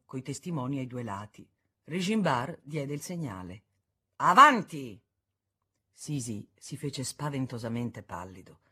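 Husky woman reading a novel aloud. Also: sits low. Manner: measured, expressive reading. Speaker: audiobook reader. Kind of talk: scripted literary narration.

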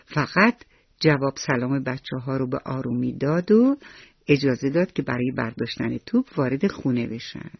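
Husky woman telling a bedtime story. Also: rumbling low, expressive, no echo. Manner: tender, addressing children directly. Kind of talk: bedtime story narration for children. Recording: dull lo-fi radio recording.

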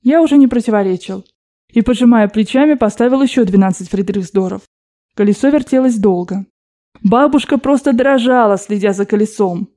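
A woman narrating an audiobook in a steady, expressive reading voice. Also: mid-range voice, a little fast.

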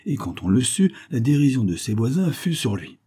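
A man reading a classic tale aloud in a measured, expressive storytelling manner. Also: medium pitch, slightly rough. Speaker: narrator.

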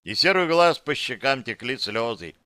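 A man's voice: medium pitch, lively intonation, moderate pace, pushed and bright, clear, resonant tone, dry recording. A man narrating an audiobook in the first person, in a dry, wry, matter-of-fact way.

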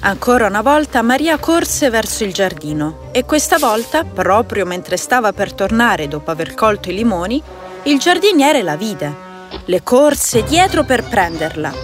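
A woman narrating a children's fairy tale in a clear, even storytelling voice. Her pitch sits high. Soft music plays under her. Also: measured pace.

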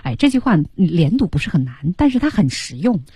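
A woman's voice: lowish voice, sing-song, brisk, mellow, breathy edge, no room sound, studio quality. A woman co-hosting a radio language lesson, chatty, playful and encouraging. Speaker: radio co-host. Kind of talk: radio lesson, co-hosted chat. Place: radio studio.

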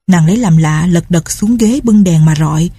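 A woman narrating a novel aloud with calm, steady storytelling. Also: on the low side, moderate pace, slightly rough, no room sound.

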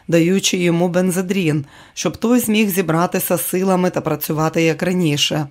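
A man narrating a novel as an audiobook, in a steady storytelling manner. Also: high voice. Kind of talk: scripted narration.

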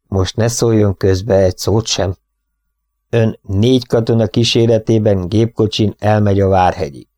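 A man's voice: on the low side, fairly even intonation, dark tone, no room sound, natural voice. A man reading an audiobook, voicing a stern, impatient male prison governor who speaks brusquely. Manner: brusque and commanding.

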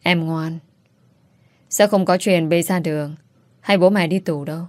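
A woman voicing a bitter young woman who accuses her relatives in quick, sharp outbursts, in an audiobook. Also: on the low side, fairly even intonation, no room sound, lightly acted. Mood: tender. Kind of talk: audiobook character voice.

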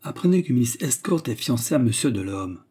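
A man voicing a coarse, scheming middle-aged male estate steward in a gruff, blustering manner. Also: mid-range voice, very animated, a little fast, warm tone.

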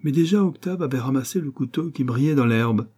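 A man reading a classic French novel aloud as an audiobook, in a measured narrating tone. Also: medium pitch, dark tone, slightly rough. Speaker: audiobook reader.

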